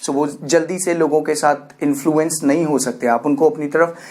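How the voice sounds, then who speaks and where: A man with an Indian accent teaching English vocabulary, dictating example sentences slowly and getting listeners to repeat words after him. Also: a little high, fairly even intonation, a little mellow. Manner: coaxes viewers to repeat words, praising them. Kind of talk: classroom-style vocabulary lesson.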